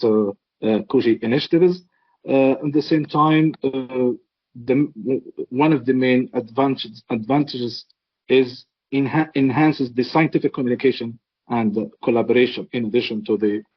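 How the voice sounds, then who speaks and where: A man giving a webinar talk over a video call, halting, with many fillers and restarts. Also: mid-range voice, breathy edge. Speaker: webinar speaker. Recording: dull lo-fi video call audio.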